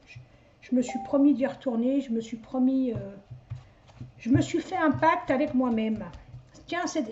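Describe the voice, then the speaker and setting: Une femme d'âge mûr, médium, qui bavarde et digresse avec autodérision en tirant les cartes chez elle. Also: female voice, high-pitched, mellow, slight background noise. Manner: chatty, rambling, self-mocking asides. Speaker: psychic medium doing a card reading. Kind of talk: casual chatty live reading. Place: at home, indoors. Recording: dull lo-fi home recording.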